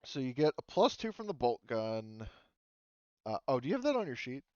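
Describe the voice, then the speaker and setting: Acting as game master for an online tabletop roleplaying game, a man explains the rules casually and haltingly, thinking aloud. His medium-pitched voice is very animated with a darkish tone, and the recording is dry and dull.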